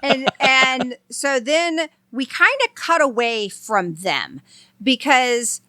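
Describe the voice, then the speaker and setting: A woman in her thirties co-hosts a podcast, wry and matter-of-fact in casual chat. Her voice is bright and a little high. The mic is close and dry. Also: very animated, slow pace, no echo. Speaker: podcast co-host. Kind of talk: casual chat reviewing horror films.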